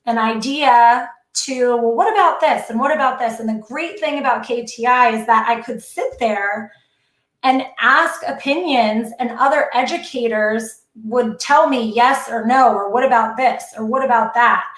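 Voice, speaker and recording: Excitable, high-voiced woman in echoey room. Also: unhurried. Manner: earnest, excitable, tearful at times. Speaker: guest educator. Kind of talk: emotional personal story on a podcast.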